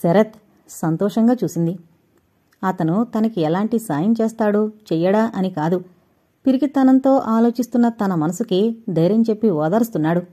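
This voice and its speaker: A woman reading an audio novel aloud in steady storytelling narration. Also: medium pitch, normal speed, slightly rough. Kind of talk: scripted narration.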